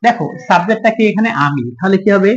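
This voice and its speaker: A man's voice: high-pitched, quick pace, muffled recording. A man with a Bangladeshi Bengali accent teaching an English grammar lesson, asking questions and answering them himself.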